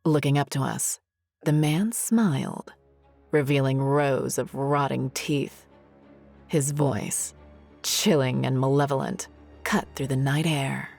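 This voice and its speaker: A woman narrating a scary story in a measured, ominous storytelling manner. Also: extremely low pitch, creaky, darkish tone, soft background music. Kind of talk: scripted horror narration.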